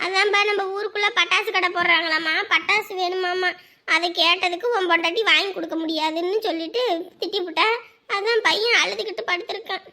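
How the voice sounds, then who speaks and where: A shrill, bright old grandmother, played by a woman in a family drama. She whines and schemes, nagging on behalf of her spoiled grandson. The voice sits very high and piercing. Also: fairly even intonation, a little fast, full character voice. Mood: complaining. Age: older. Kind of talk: village family drama acting.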